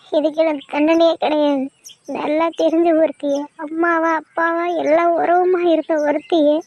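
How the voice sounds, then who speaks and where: A woman voicing a tearful young wife, very high. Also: darkish tone. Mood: grieving. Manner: pleading, distraught. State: crying. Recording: dull lo-fi sound.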